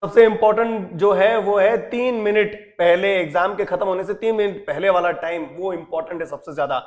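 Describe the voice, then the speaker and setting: A man teacher explaining an English story lesson, reading lines aloud and acting out the characters' speech in an animated way. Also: sits high, normal speed. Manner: switches between reading English text and explaining.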